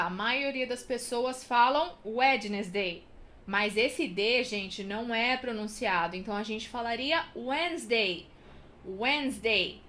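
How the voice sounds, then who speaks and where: A woman from Brazil teaching English pronunciation, saying example words slowly and repeating them. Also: high voice, pushed and bright. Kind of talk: pronunciation lesson.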